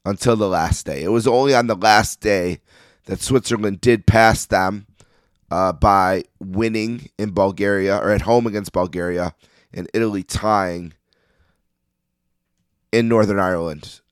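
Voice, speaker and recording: Man, podcast host, lowish pitch, slightly hoarse tired-out voice, casual opinionated delivery, dry close sound. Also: dry recording. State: slightly hoarse, losing his voice. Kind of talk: casual sports podcast monologue.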